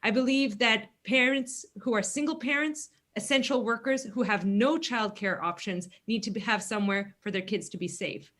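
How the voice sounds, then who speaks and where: A woman's voice: fairly high pitch, moderate pace, few pauses, fairly bright tone. A woman in her thirties from Greece, a congressional candidate answering questions earnestly in a virtual forum, with frequent fillers. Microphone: video call.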